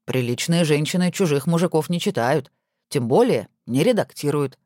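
Woman voicing husband figure, low pitch, mock-pompous, teasing, dry close sound. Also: animated, normal speed, mellow, no echo. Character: teasing, self-important rich husband.

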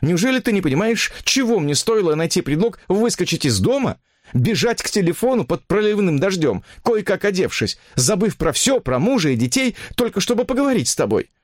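A man's voice: sits high, very animated, a little fast, no room sound, studio quality, voice pushed up. A man voicing a desperate, lovesick married woman who pleads and reproaches, in an audiobook story. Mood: pleading.

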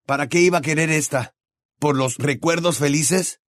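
A man's voice: a little high, normal speed, no room sound, pitched above the performer's own voice, natural voice. A man reading the lines of a defiant, sarcastic teenage boy in an audiobook, with dry mocking retorts.

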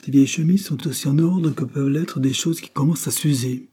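A man's voice: on the high side, fairly quick, warm tone, husky, voice pushed up. A man voicing a curt, sour-tongued housekeeper woman in an audiobook reading. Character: sharp-tongued, stern female housekeeper.

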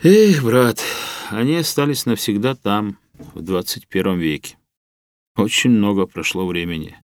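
Audiobook: man playing an older professor, kindly, measured, dry close mic. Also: fairly low pitch, lively intonation, no room sound. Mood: gentle. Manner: measured, reassuring, explanatory.

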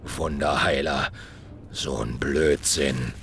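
Gruff grumbly big dragon dad, man doing the voice, slow and gravelly. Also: mid-range voice, big pitch swings, a little hiss or hum, exaggerated voice. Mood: grumbling. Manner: gruff, growling. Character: grumpy big male dragon father.

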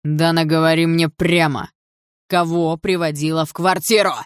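A woman voicing a furious, jealous middle-aged stepfather who shouts threats and orders. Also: sits low, flat delivery, normal speed, clear, resonant tone, no room sound, clean studio sound, lightly acted. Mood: raging, shouting.

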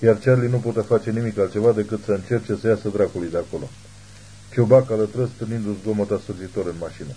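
A man narrating an audiobook in a steady, measured reading. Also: fairly low pitch, slightly rough, rough recording. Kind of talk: scripted narration.

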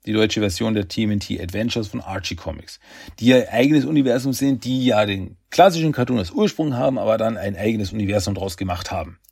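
A man's voice: on the low side, fast talker, vocal fry, darkish tone, breathy edge, dry recording, studio quality. A man hosting a podcast, chatting in a loose, rambling way. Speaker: podcast host. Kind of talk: casual chat.

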